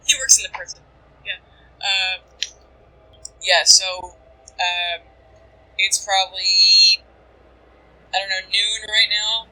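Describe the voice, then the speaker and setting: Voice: mid-range voice, drawn-out words, long pauses, sharp tone, poor audio. A game master narrating a tabletop game in a rambling, chatty way, full of fillers and asides.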